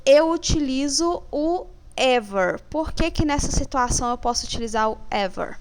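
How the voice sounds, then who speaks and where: A woman teaching English grammar, explaining exercises slowly and reading the example sentences with care. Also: sits high, expressive, smooth. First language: Portuguese. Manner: slow, careful, reads examples deliberately.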